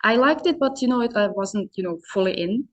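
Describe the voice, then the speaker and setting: Brisk and animated, this young Serbian woman, founder of an online business community, answers a podcast's casual interview questions in English with a mid-range voice over dull audio. She hesitates often, filling gaps with "um" and "you know".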